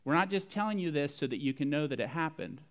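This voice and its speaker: A man's voice: a little high, lively intonation, fast. A man preaching a sermon as pastor, earnest and building emphasis through repetition.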